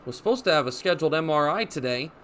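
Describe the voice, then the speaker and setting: This young male announcer, in his twenties, handles radio baseball play-by-play using a fairly high, expressive, somewhat bright voice. The descriptive, measured delivery swells whenever something happens on the field. Clear audio, with ambience noise in the background.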